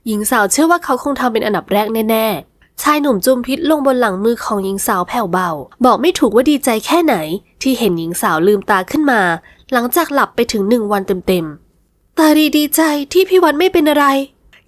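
A woman narrating a romance novel in smooth, scripted storytelling. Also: fairly high pitch, expressive, a little fast, dry recording, clean studio sound. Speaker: audiobook narrator.

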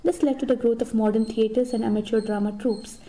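A woman in her thirties with a Kannada accent reads a scripted, informative lecture in a formal, measured manner. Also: a little high, fairly even intonation, warm tone. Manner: formal, measured reading from notes. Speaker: presenter.

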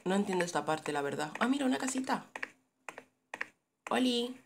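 A woman's voice: mid-range voice, expressive, moderate pace, noisy background. A young woman from giving sarcastic, jokey running commentary while playing a horror game. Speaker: gaming streamer. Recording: keyboard clicks behind the voice.

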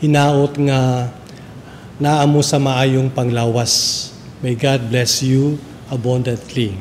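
Filipino priest in cathedral echo. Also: male voice, little pitch movement, darkish tone. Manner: measured, formal liturgical delivery. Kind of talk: reading the Gospel and preaching at Mass. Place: large church. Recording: long church reverb, faint rumble.

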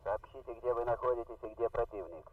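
Brisk commander over a field radio, dull distant sound. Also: male voice, mid-range voice. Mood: businesslike. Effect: over a field radio set. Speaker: commanding officer. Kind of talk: 1960s war film acting. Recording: muffled radio voice with hiss.

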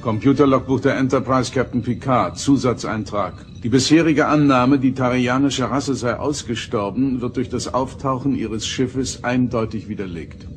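An actor playing an authoritative starship captain, formal and deliberate, in a German science-fiction radio drama. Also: male voice, medium pitch, natural voice. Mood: commanding. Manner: formal, commanding.

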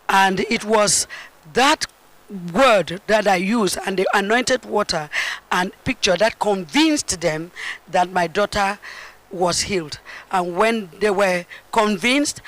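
A middle-aged woman from Cameroon giving an earnest, halting testimony at a church, speaking into a handheld mic on a large indoor stage. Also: medium pitch, a bit bright, rough recording. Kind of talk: spoken testimony.

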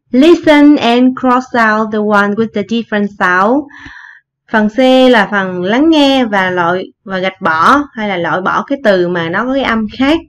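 A woman teaching an English lesson, explaining words in Vietnamese and slowly repeating the English phrases. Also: fairly high pitch, dull audio. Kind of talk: recorded online lesson explaining vocabulary.

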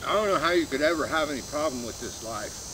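Eating outdoors in a shady grassy backyard, a middle-aged vlogger talks to one viewer mukbang-style, chewing as he rambles casually with halting, trailing pauses. His fairly high voice is expressive, and the camera a few metres off also catches insects, far-off traffic, and general outdoor sound.

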